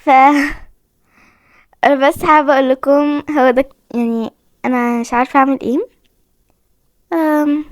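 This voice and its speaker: She's a young gaming host with an Egyptian Arabic accent, chatting to viewers as she plays a horror game and repeatedly saying how scared she feels. Her high voice holds a steady tone at a moderate pace, broken by long pauses. The audio is a dry, studio-quality recording.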